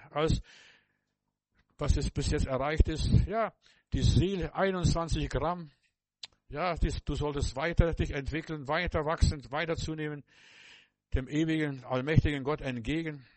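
A man's voice: fairly high pitch, a little slow, dry recording. An older man preaching a sermon, fervent and repetitive, speaking straight to the listener with many restarts.

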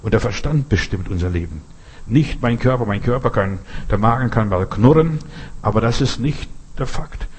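A man's voice: lowish voice, animated, normal speed, slightly rough. A man preaching a sermon in German, which he learned as an adult, with earnest repetition and rhetorical questions. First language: not German.

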